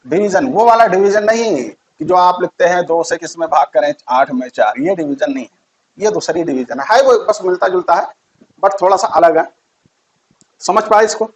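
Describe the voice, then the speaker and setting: A man's voice: high-pitched, moderate pace, rough recording. A man giving a physics lesson, repeating key terms and quizzing his students. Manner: repeats key terms, asks quiz questions. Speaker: teacher.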